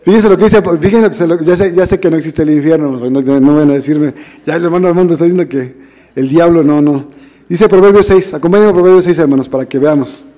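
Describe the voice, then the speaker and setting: A man's voice: on the high side, fast, mellow, big-room sound. A man preaching a sermon to a congregation in a conversational way, often calling them brothers and asking them questions. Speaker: minister preaching. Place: church hall.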